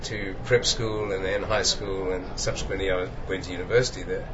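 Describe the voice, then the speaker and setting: A man's voice: low voice, fairly even intonation, brisk. An older man from Zambia, a cardiologist recalling his background thoughtfully with many fillers. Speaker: cardiologist guest. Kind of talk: reflective conversational interview. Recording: dull, noisy conference recording.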